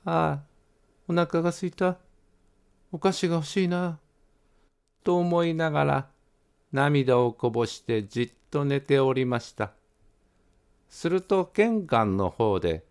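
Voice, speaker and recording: A man reading a children's story aloud in a gentle, expressive storytelling manner. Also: medium pitch, smooth. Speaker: podcast host reading a story.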